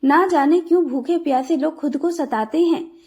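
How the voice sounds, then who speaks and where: A rich, proud young daughter-in-law from a storybook tale, voiced by a woman. She speaks in a high, mocking voice and brushes her elders off with scorn. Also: normal speed, darkish tone, natural voice. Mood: scornful. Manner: mocking, dismissive.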